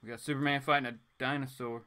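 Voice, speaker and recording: This comics livestream host talks quickly in a mid-range, sharp-toned voice with little pitch movement. He rambles informally in casual chat and becomes theatrical when reading aloud.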